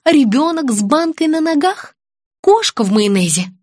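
A sharp-tongued clinic receptionist, as a woman reads her, firing off mocking remarks in a high, snappy voice. The reading is dry and close. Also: big pitch swings, moderate pace, no room sound.

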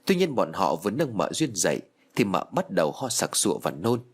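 Male audiobook narrator for a ghost story, husky and dramatic. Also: sits low, sing-song, brisk.

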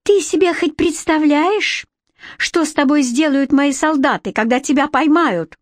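Woman doing a shrill, spoiled young queen. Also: measured pace, no room sound, studio quality. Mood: shrill indignant. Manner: shrill, pleading and indignant.

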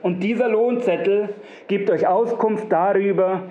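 A smug, wrinkled little gnome from a spoken fairy tale, put on by a male storyteller. He talks in coaxing, long-winded, repetitive promises in a rather high voice. The recording is dull and lo-fi with a roomy echo. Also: measured pace.

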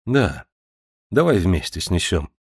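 A man reading a quiet, shaken gentleman. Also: low voice, big pitch swings, slow pace, husky, dry recording, studio quality, heavily acted. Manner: quiet, restrained and polite. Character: shaken gentleman homeowner, polite and careful.

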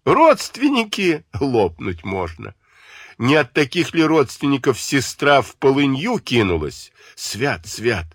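A husky-voiced man doing a furious, scornful young woman in a storybook, flinging accusations with a lively rise and fall. The voice is low at its base, set in a dry, close sound. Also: takes it slowly, no echo, heavily acted. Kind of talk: audiobook character voice.

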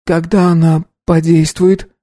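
A man's voice: fairly high pitch, level tone, measured pace, warm tone, pitched above the performer's own voice. A man voicing a frightened, tearful young woman who is sick and scared.

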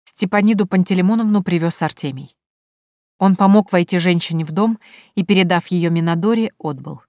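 A woman with a lowish voice reads a novel aloud as an audiobook narrator. Her reading is even and measured. The recording is dry and close, with no room sound. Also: no room sound.

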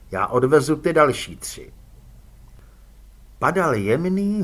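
A man reads an audiobook aloud with a husky, slightly rough voice. His delivery is lively and measured. His pitch sits in the middle. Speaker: audiobook narrator. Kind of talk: scripted narration.

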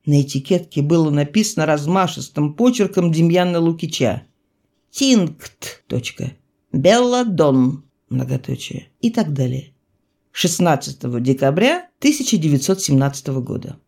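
A woman narrates a literary audiobook. Her voice moves widely and expressively across the pitch range. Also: animated, fairly quick, a little mellow. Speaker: audiobook reader.

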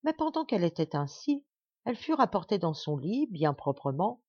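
Lady reading a fairy tale out loud, super expressive, slightly muffled dry home recording. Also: lowish voice, moderate pace, no echo. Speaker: audiobook reader. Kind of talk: scripted storybook narration.

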